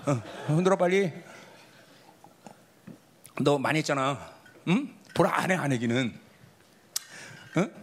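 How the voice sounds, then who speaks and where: A pastor preaching a sermon, swinging between high exclamations and low murmurs and calling on members of the congregation by name. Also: male voice, animated, unhurried, long pauses, a little hiss or hum.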